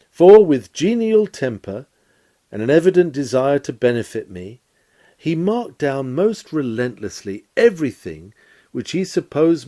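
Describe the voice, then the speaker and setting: A mid-range voice with a dark tone carries this man's scripted reading of a nineteenth-century sermon lecture. He uses formal diction, and his oratorical phrasing is measured and emphatic.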